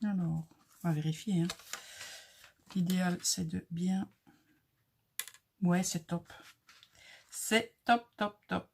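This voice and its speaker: A woman hosts a casual crafting tutorial, with a light accent. She speaks at an unhurried, leisurely pace, chatting in a friendly way as she talks viewers through each step. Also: on the low side, steady tone, gravelly, a little hiss or hum.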